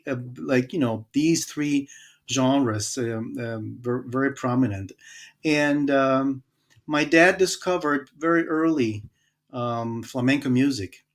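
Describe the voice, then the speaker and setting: A man from Germany, a guest musician, telling his story in a relaxed, hesitant way with many fillers. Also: mid-range voice. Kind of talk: casual interview storytelling.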